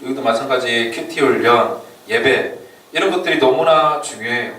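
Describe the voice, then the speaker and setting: A man's voice: mid-range voice, normal speed, pushed and bright. Man lecturing in an echoey hall. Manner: chatty, laughs often, leans on fillers while explaining. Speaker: church youth mission trip trainer. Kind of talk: informal orientation lecture. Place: church meeting room or hall. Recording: echoey hall from far off, faint room noise.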